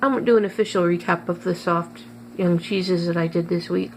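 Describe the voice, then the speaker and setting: A woman's voice: fairly low pitch, fairly even intonation, fairly quick, a little hiss or hum. A woman talking casually in her kitchen as a cooking vlogger, chatty and hesitant, tasting food as she goes. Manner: chatty, hesitant with many fillers, tastes food while talking.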